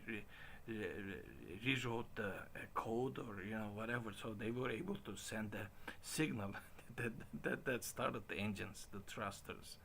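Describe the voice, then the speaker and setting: Late 40s guy, lowish voice, rambles and stumbles over words, faint hiss behind. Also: fairly bright tone. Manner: halting, many restarts and chuckles. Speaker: stream host. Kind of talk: casual rambling monologue.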